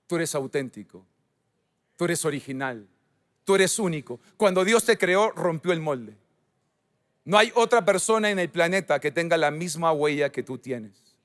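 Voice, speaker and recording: A man preaching as a pastor, with emphatic swings in pitch and volume. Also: fairly bright tone. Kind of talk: sermon. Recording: church hall reverb.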